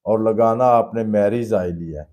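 A man's voice: fairly low pitch, moderate pace, mellow. A man teaching a live painting class, patiently explaining each step in plain everyday words and calling students "beta". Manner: addresses students fatherly as "beta". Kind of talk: live painting demonstration lesson.

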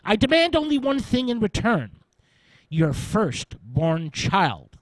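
A wicked old-tale witch, menacing and deliberate, as a male narrator puts her on. Her voice sits a little high yet drags along slowly, every word weighed. Clean, dry studio sound for a radio story. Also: huge pitch swings, no room sound, full character voice, poor audio. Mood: scheming.

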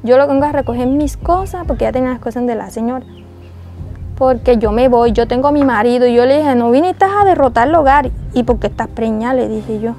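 A young woman tells her own story, slipping into the voices of the people she quotes. Soft music plays faintly beneath her speech. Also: fairly high pitch, brisk. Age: young adult. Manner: recounts dialogue, acting out voices of others. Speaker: interviewee telling her life story. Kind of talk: emotional personal testimony.

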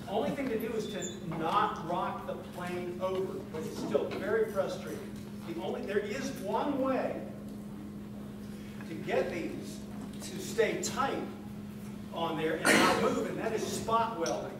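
Lively man teaching in an echoey hall. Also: sits high, unhurried. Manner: lively, teasing, quizzes the audience. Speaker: woodworking instructor. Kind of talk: live workshop demonstration. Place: large conference room with audience. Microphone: far camera. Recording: echoey hall, far mic, loud room noise.

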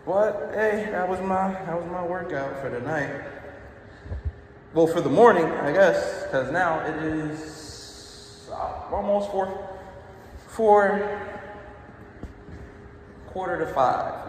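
With background noise in an echoey large indoor gym, a man in his twenties with a slightly high voice vlogs casually into a phone held low at arm's length. He rambles on and swears in frustration.

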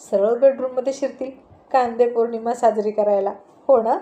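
A woman voicing a good-humored, bashful housewife who gently scolds her husband. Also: on the high side, steady tone, moderate pace, natural voice. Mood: affectionate.

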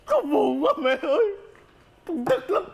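A man's voice: very high-pitched, very animated, measured pace, vocal fry, full character voice. A man in his thirties playing a sulky, self-pitying elder son in a family sitcom. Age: 30s. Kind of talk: sitcom acting.

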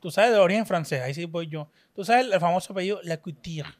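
A man's voice: high-pitched, quick pace. A young Colombian man co-hosting a podcast in a studio, teasing his friends and swearing casually. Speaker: podcast co-host. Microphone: studio podcast microphone.

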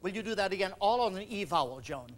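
High-voiced man coaching a choir. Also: lively intonation. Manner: coaching singers with quick commands and questions. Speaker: choral conductor teaching a workshop. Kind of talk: instructional workshop talk.

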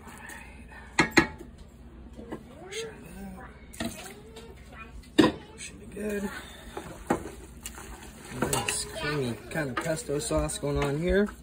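A joking, talkative dad cooks for his kids in a home kitchen and narrates for a helper holding the camera. His voice swings up and down in a lively way. Loud background noise runs under the whole recording. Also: a little high, very slow, pauses often. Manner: joking, chatty running commentary. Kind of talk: casual home cooking vlog. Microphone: camera held by a helper.

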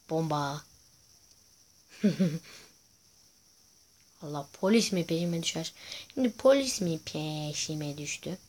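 A man's voice: high voice, creaky, a little hiss or hum. A man giving casual gameplay commentary to viewers, chatty and full of crude jokes. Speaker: gaming YouTuber host.

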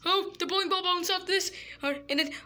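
A performer voicing an excitable, easily panicked little boy who talks to himself. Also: extremely high pitch, a little fast, voice pushed up, full character voice.

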